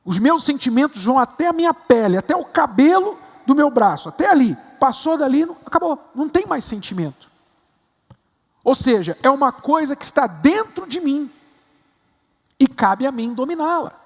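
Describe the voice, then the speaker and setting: A man with a Brazilian Portuguese accent, a bishop preaching a sermon with emphatic rises to stressed high points. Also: big pitch swings, normal speed, big-room sound. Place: large temple hall.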